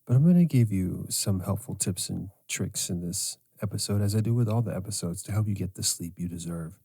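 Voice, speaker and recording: A middle-aged man hosting a podcast as a sleep coach, speaking in a slow, measured way. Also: sits low, animated, dark tone, slightly rough. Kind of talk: scripted podcast monologue.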